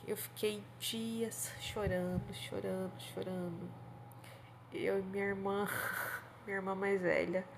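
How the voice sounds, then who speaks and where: A woman's voice: mid-range voice, a little hiss or hum. A woman telling a heartfelt personal story to her channel in a rambling, confessional way, often adding little tag questions. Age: adult.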